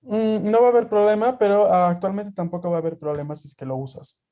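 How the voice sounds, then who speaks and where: A man's voice: high-pitched, steady tone, quick pace, warm tone. A man teaching a language class over a video call, explaining patiently with many fillers. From Peru.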